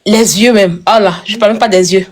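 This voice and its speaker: A woman's voice: medium pitch, fairly quick. Boastful Ivorian woman on a phone live. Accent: Ivorian French. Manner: boastful, keeps telling the other to calm down. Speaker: TikTok live streamer. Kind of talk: casual boastful banter on a live stream.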